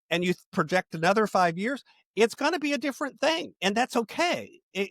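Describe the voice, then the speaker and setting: Middle-aged male podcast host, fairly high voice, vivid storyteller, dry close mic. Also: dry recording. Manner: storytelling, animated voices for quoted people. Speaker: podcast host and calling coach. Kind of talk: conversational interview.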